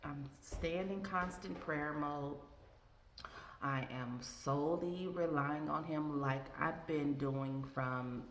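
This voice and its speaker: A woman's voice: deep voice, takes it slowly. A woman talking casually and from the heart in a faith vlog, rambling with many fillers and restarts. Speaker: vlogger. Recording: echoey room with faint ambient noise.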